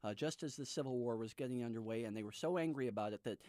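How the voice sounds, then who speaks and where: A man's voice: medium pitch, quick pace, mellow, dry recording. An American man with a mid-range voice talks as an interview guest. He explains like a storyteller, leaning on key words, in a dry, close recording. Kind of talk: explanatory radio interview conversation.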